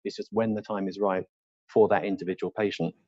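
A man's voice: low voice, steady tone, a little fast, darkish tone, no room sound, muffled recording. A middle-aged man, an orthopaedic surgeon, giving a live webinar lecture in a hospital lecture room. He is emphatic and opinionated, with rhetorical questions and blunt humour.

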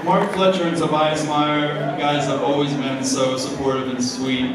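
A young man from New Jersey with a slightly high voice gives a casual, joking acceptance speech on stage at a gala, full of fillers. He's heard through the podium mic over speakers, recorded from the audience far away in an echoey large hall with a noisy crowd murmuring and room noise.

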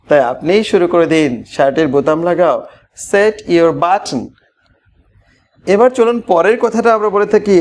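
A man teaching parents spoken English with a Bangladeshi accent, explaining in Bengali and repeating each English phrase slowly, often asking them questions. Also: high voice, darkish tone. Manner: coaxing, asks the listener questions.

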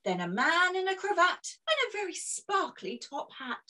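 A woman's voice: extremely high pitch, very animated, moderate pace, pushed and bright. A woman reading a picture book aloud to children, playful and full of exclamations. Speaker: children's storyteller. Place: indoors, on a video session.

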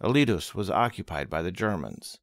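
A man reading a history book aloud as an audiobook, expressive and dramatic, closely recorded. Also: deep voice, normal speed, dry recording, studio quality. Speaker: audiobook reader.

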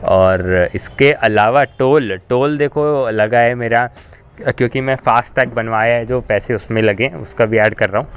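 This Indian man speaks at a normal pace in a clean, mid-range voice, vlogging about cars and dropping in English words informally. The talk is relaxed, the kind you'd hear on a road trip.

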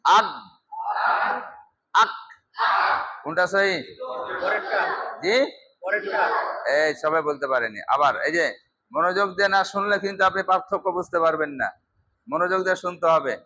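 Strict high-voiced male Quran teacher. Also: fairly quick, long pauses, bright, forceful tone, lo-fi sound. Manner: strict, drills students call-and-response, scolds. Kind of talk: classroom pronunciation drill. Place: mosque class hall.

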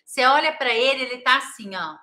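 Brief: female physiotherapist, casual instructional chat, crisp bright tone. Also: sits high, lively intonation, fast. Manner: chatty, tags phrases with "né?" and "tá?". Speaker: physiotherapist and caregiver educator.

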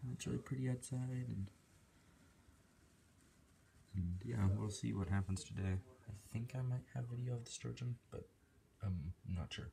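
A young woman vlogs casually on her handheld phone, chatting about her trip and a stray dog that wandered into the yard. Her voice is rumbling low and mellow, with vocal fry and a slightly fast pace. She moves between the porch and the house, and the outdoor phone audio is noisy.

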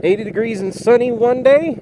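A man's voice: very high voice, fairly quick. A man vlogging as he rides his motorcycle, talking casually from inside his helmet in a rambling, self-mocking way. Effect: voice muffled inside a motorcycle helmet. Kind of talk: casual chat to camera while riding. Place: outdoors on a motorcycle in town traffic. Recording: engine and wind noise behind the voice. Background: motorcycle engine and street traffic.

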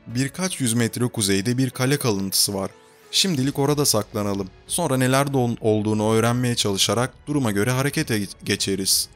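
A man reading the part of a marooned male castaway, talking in a soft, friendly way with faint music behind. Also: medium pitch, fairly quick, close to an everyday voice. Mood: serious.

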